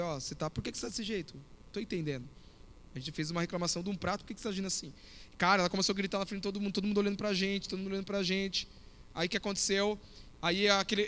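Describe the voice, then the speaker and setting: A youth pastor preaching with a high, bright, forceful voice. He talks casually and tells stories, speaking straight to the young people in front of him. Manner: storytelling, conversational, addresses audience directly. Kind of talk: sermon.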